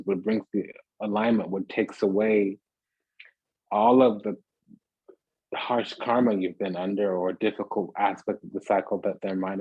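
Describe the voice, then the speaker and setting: A man's voice: fairly low pitch, creaky, darkish tone, husky, no room sound, low-quality recording. A man giving a casual, rambling tarot reading to viewers, piling up phrases in lists and checking in with "does that make sense?". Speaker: tarot reader.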